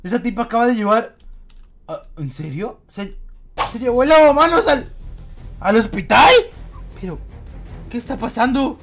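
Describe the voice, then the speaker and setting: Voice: medium pitch, lively intonation, moderate pace, long pauses, faint music behind. A gamer improvising a comic roleplay, muttering asides and exclaiming dramatically.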